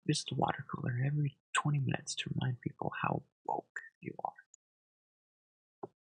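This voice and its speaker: A soft-spoken ASMR host in close-mic whispers, reading satirical headlines and adding dry deadpan asides. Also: mid-range voice, unhurried, creaky, husky, low-quality recording. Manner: reads headlines, then adds wry deadpan asides.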